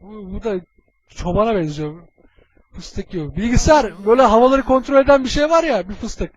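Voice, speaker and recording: Man doing a flustered sweary cartoon villain, high-ish voice, muffled lo-fi audio w/ faint hiss. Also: expressive, brisk. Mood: muttering. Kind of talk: comedic fan dub.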